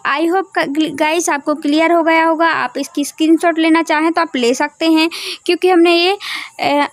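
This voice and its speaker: A woman's voice: very high-pitched, fairly even intonation, normal speed. A woman teaching a school lesson over a map, asking questions and answering them herself, often calling her viewers guys. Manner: keeps addressing viewers as guys.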